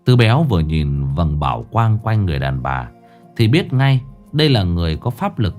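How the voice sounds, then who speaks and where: A man narrating a ghost story in a lively, dramatic scripted reading. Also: sits low, moderate pace, soft background music.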